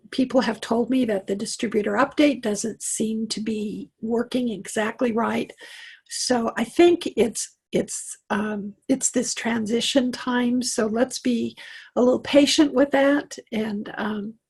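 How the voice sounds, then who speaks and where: Speaking over a computer mic on a video call, a middle-aged woman from Wyoming coaches a live online tech class. Her voice sits a little high and sounds creaky and slightly rough, with a Western American accent carrying a faint Southern tinge. She's reassuring, and her chat is full of fillers and restarts.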